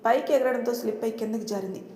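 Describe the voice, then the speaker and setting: A woman narrating a love story in a steady, matter-of-fact reading. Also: a little high, fast. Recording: roomy with long reverb.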